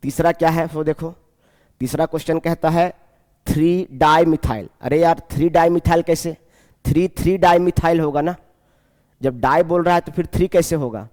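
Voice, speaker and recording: A man teaches chemistry to a class, going over a test paper one step at a time and counting aloud as he goes. His voice sits a little high for a man, and he keeps turning questions back to the students. A long reverb trails each phrase, as in a large hall. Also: steady tone, normal speed, a little mellow.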